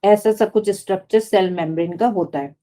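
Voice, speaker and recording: A woman's voice: medium pitch, fairly quick, dark tone. A woman teaching biology in a live online class, explaining step by step and often asking the class questions.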